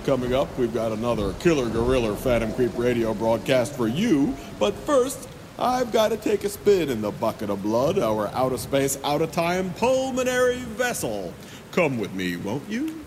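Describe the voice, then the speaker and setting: A man's voice: medium pitch, very animated, moderate pace, a little hiss or hum, natural voice. A man playing a gleefully macabre horror radio host, in the theatrical, ghoulish manner of a vintage horror narrator. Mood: ghoulishly welcoming. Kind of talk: scripted vintage-style horror radio monologue. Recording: loud music under the voice. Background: loud music.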